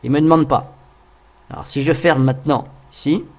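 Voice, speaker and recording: A man narrating a casual software tutorial, thinking aloud as he goes and talking to viewers with frequent hesitant fillers. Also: on the high side, steady tone, normal speed, gravelly. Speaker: tutorial host.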